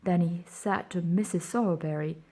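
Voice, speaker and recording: A woman narrating an audiobook in a gentle, measured way that often drops to a hush. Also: on the low side, slightly rough.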